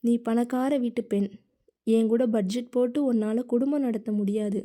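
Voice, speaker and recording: A woman voices a stern young man in a storybook romance, talking firmly and plainly. The tone is mellow and dark, though pitched a bit high. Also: fairly even intonation, normal speed, close to an everyday voice. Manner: firm, lecturing. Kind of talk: audiobook character reading.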